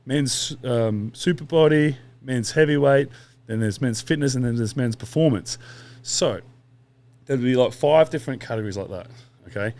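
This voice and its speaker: A man's voice: mid-range voice, normal speed, a little mellow. A man, a podcast guest telling long stories in a casual, rambling way with quoted asides and swearing. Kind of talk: casual interview chat.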